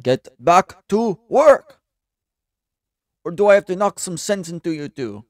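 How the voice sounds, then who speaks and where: Casting: man playing a bossy gruff bandit boss, slow loud orders, dry. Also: sits high, animated, dry recording, pitched above the performer's own voice. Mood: domineering. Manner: barking, domineering.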